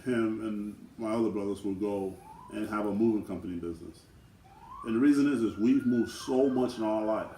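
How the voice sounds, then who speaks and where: A man co-hosting a casual question-and-answer video with his twin brother, talking in a relaxed, slangy way. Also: lowish voice, moderate pace, recorded from a distance. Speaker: co-host twin. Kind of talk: casual Q&A chat. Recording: echoey room with faint noise.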